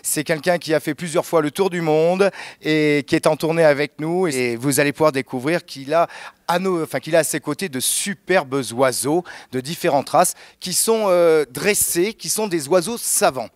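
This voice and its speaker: A man's voice: on the high side, normal speed, no room sound. Middle-aged showman magician, dry close sound. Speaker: professional magician, interview guest. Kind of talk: promotional interview.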